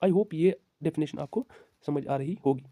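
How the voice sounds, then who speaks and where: A man's voice: fairly high pitch, mellow, dry recording. A young man giving a pharmacy lecture, explaining step by step and asking and answering his own questions. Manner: reads definitions slowly, then explains them. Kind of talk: classroom lecture.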